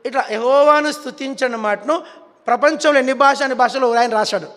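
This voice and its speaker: A man's voice: very high voice, brisk, fairly bright tone. A male preacher with a Telugu accent, preaching a sermon and coaxing the congregation to repeat words after him. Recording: long hall reverb.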